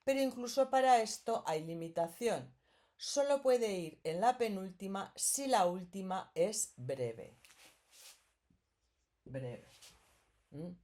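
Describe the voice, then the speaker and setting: A woman's voice: mid-range voice, expressive, takes it slowly, long pauses, dark tone. A woman teaching a grammar lesson, explaining patiently and often checking in with the listener.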